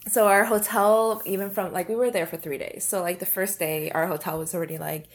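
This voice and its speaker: A young woman in casual chat, telling a travel story with lots of "like" and animated asides. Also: mid-range voice, a little fast.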